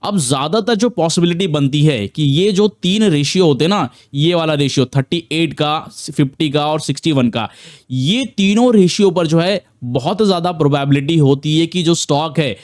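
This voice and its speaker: A man's voice: fairly high pitch, normal speed, dry recording, clean studio sound. A man giving a casual, repetitive screen-share trading tutorial, full of fillers and restarts. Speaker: trading educator.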